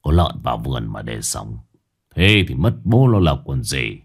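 A man voicing an old village husband, slow, deliberate and moralizing. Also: extremely low pitch, big pitch swings, breathy edge, pitched below the performer's own voice, heavily acted. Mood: lecturing.

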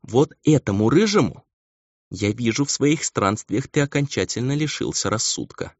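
A man's voice: mid-range voice, expressive, normal speed, dry recording, voice pushed up. A man reading an audiobook, voicing a haughty female battle angel who talks with scorn and command. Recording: dull lo-fi audio.

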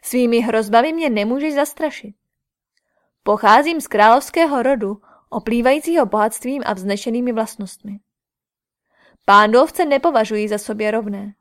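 A woman's voice: a little high, natural voice. A woman reading an audiobook, voicing a haughty male king who mocks and boasts. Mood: mocking. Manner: mocking, haughty. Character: arrogant mocking male king.

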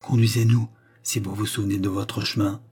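A man voicing a calm, solemn old mystic in a storybook reading, low and slightly husky. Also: brisk. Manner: calm, grave, blessing tone.

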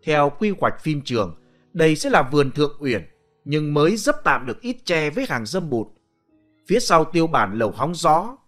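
A man's voice: on the high side, a bit bright. Dramatic male storyteller over faint music. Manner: dramatic, vivid storytelling with acted dialogue. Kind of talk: expressive narration of a spoken story.

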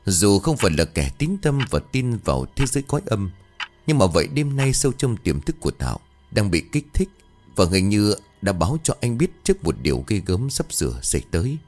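Deep-voiced man telling a horror story. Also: big pitch swings, fairly quick, darkish tone. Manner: dramatic, suspenseful telling. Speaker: narrator. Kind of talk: scripted horror story narration. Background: faint music.

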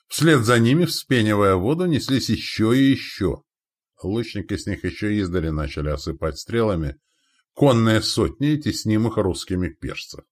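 A male audiobook narrator telling a war story with vivid drama. His voice is deep and swings widely in pitch. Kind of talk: scripted narration.

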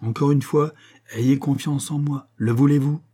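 A man reading as a grave, steady guide. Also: mid-range voice, unhurried, pitched above the performer's own voice, close to an everyday voice. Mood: urgent.

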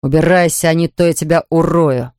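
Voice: mid-range voice, steady tone, brisk, clear, resonant tone, dry recording, lightly acted. A narrator voicing a hostile, defensive husband, reading in a dry, close studio recording. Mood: furious. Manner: shouting, then pleading.

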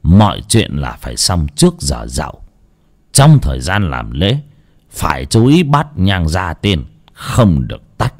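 Man playing a grave old male exorcist, low measured voice, lively pitch. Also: heavily acted. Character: calm elderly male exorcist master, grave.

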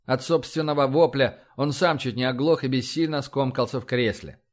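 A man narrating an audiobook in a steady, even reading voice. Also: medium pitch, normal speed. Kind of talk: scripted narration.

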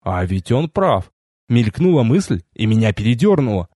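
A man narrates a first-person adventure audiobook with a wry, storytelling flair. His intonation rises and falls freely, and his voice carries a husky edge. The recording is dry and close to the mic. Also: medium pitch, very animated, normal speed, mellow, no echo. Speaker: audiobook reader.

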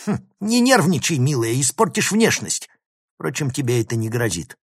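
A man's voice: mid-range voice, sing-song, normal speed, slightly rough, no room sound, studio quality, voice pushed up. A man voicing an arrogant, scheming male professor who sneers and bullies in an audiobook reading. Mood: sneering. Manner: sneering, condescending, flaring into shouts. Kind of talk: audiobook character voice.

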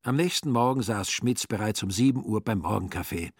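A man narrating a radio play in a calm, ironic storytelling manner. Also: on the low side, brisk, husky, dry recording, studio quality.

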